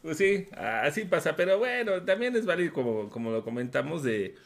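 A man with a Mexican Spanish accent co-hosting a casual gaming podcast, joking and slangy with quick agreeing interjections. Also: on the high side, sing-song, creaky. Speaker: podcast co-host. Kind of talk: casual chat.

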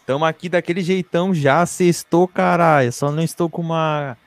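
A man's voice: fairly high pitch, steady tone, normal speed, dry recording. A Brazilian man co-hosting a live podcast with informal banter, slangy and swearing freely. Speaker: podcast live stream co-host.

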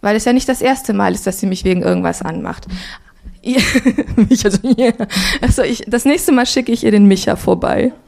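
A woman's voice: mid-range voice, moderate pace, gravelly, a little mellow. A woman in her thirties preaching in church, telling a personal testimony and acting out the voices she quotes. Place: church stage.

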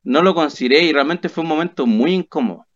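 This young Chilean podcast co-host, fast-talking and on the high side, animatedly recounts something that happened to him. He laughs a lot and acts out the quotes in casual storytelling, and the recording is slightly dull and lo-fi.

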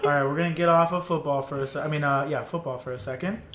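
A man hosting a casual podcast, reading trivia clues haltingly with lots of fillers and casual swearing. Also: on the high side, steady tone, fairly bright tone, roomy sound. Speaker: podcast host running a sports trivia quiz. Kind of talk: casual chat.

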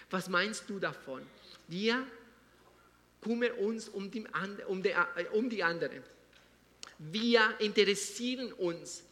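A man preaches with fervor, hammering key phrases again and again in halting German full of small grammar slips. His voice sits high and sounds sharp and forceful. A long reverb trails every line in the church hall. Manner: fervent, repeats phrases for emphasis. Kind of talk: sermon.

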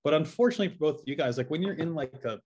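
A man's voice: on the high side, lively intonation, rapid-fire, darkish tone, lo-fi sound. A man co-hosting a podcast in casual chat, rambling with lots of fillers and casual swearing. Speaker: podcast co-host.

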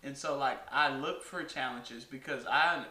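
A man's voice: medium pitch, a little slow, echoey room, crowd noise. A man co-hosting a podcast in casual chat, blunt and slangy, swearing freely. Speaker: podcast co-host.

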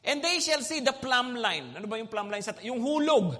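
A male preacher giving an animated sermon, mixing in English phrases and checking in with the crowd. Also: very high voice, normal speed. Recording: long hall reverb.

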